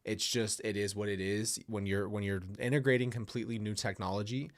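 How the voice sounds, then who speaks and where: A man hosting a casual livestream chats and reads viewer stories, rambling, apologizing, and restarting often. A stuffy nose makes him a little nasal; his lowish voice is steady and a little fast.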